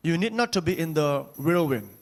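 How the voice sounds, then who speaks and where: A man with a slightly raised voice interprets a sermon phrase by phrase. His renderings come quickly and literally, with loose grammar. He speaks in the gaps the preacher leaves. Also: a little high, animated.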